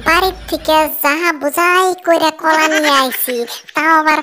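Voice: high-pitched, steady tone, moderate pace, noisy background, close to an everyday voice. A performer voicing a lazy, whiny banana-seller man in a cartoon, drawling and wailing comically. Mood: gruff.

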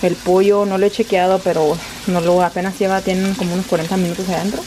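A woman's voice: lowish voice, level tone, fast, darkish tone, slight background noise. Thirties woman, Mexican accent, chatty home vlogger, laughs a lot, slips in English. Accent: Mexican Spanish. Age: 30s. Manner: chatty, mixes English phrases, laughs often. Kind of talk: casual vlog chat. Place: home kitchen while cooking.

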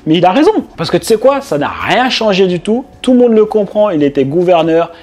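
A man's voice: high voice, sing-song, brisk, a little mellow. A man from France, a business coach, talking casually and directly to his viewers, with lots of fillers and restarts. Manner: chatty, informal, speaks directly to the viewer, many fillers and restarts. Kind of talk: casual video commentary to the viewer.

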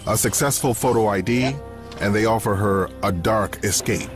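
A man reads scripted nature documentary narration in a measured, dramatic storytelling delivery. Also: on the low side. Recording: music bed under the narration. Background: background music.

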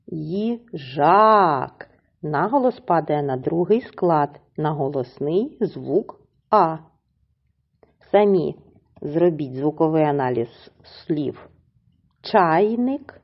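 A woman teacher speaks to young pupils in a recorded lesson, with a low, husky voice whose pitch rises and falls a great deal. She goes slowly and carefully and stretches each example word out syllable by syllable. The recording sounds dull and lo-fi. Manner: slow, deliberate, stretches example words syllable by syllable. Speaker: primary school teacher.

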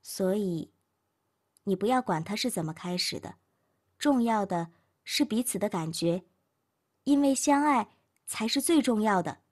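A woman voicing an earnest young woman who gently persuades a distressed friend to stay calm. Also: mid-range voice, measured pace, pauses often. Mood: coaxing.

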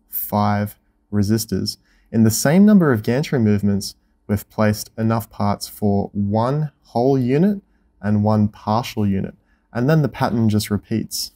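A young adult man with an Australian accent speaks in a fairly low, warm voice. He hosts a casual vlog from an indoor workshop, eagerly explaining electronics assembly and counting things out as he goes.

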